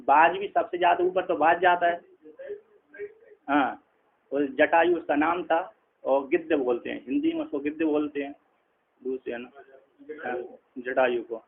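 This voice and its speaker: A man with a somewhat high, gravelly voice gives a classroom commentary on a Sanskrit text. He chants the quoted lines slowly, then explains them in easy conversation and often checks that his listeners follow. The recording is tinny and narrow, like a phone line. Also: fairly even intonation, slight background noise. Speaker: teacher of Sanskrit philosophy.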